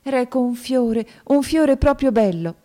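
A woman's voice: high voice, lively intonation, measured pace, dark tone, pitched above the performer's own voice. A woman voicing a grief-stricken young girl who sobs and wails in desperate, wild lament. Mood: sobbing despair. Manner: desperate, wailing, sobbing.

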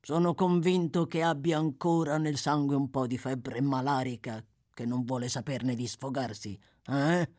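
The reader voices a rough, short-tempered male thief in an audiobook, grumbling bluntly. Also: mid-range voice, steady tone, unhurried, darkish tone, no room sound, studio quality, lightly acted. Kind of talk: audiobook character voice.

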